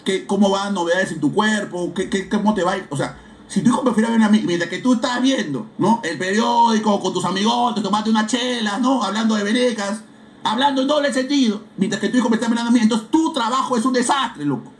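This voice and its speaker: A man with a Peruvian accent, a football fan streaming a casual live reaction, talking loudly in slangy, exclamatory bursts. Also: very high voice, fast, echoey room. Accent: Peruvian Spanish. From Peru. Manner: loud, exclamatory, slangy, bursts into shouting and chanting. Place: seated indoors at home setup.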